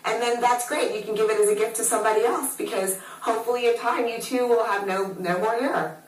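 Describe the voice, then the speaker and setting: A woman's voice: fairly high pitch, fast talker. A woman giving a conversational, explanatory product demonstration as a guest on a home shopping show, speaking directly to the viewer. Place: TV shopping studio. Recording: roomy, distant studio sound.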